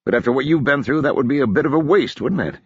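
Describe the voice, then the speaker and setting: A lanky soldier officer with a dry, deadpan wit, as a male narrator puts him on, his husky voice lifted above the reader's usual low tone. The lines swing lively in pitch. The audiobook recording is dry and a little dull. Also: fast talker, no echo. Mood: wry. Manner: deadpan, ironic.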